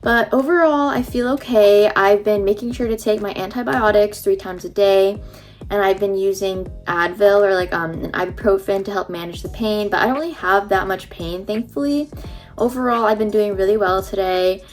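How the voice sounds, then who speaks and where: A woman's voice: medium pitch, normal speed. Young woman vlogging after wisdom teeth surgery, slight numb lisp, chatty, bit of music in the back. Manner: chatty, informal, frequent "like". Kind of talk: casual personal vlog.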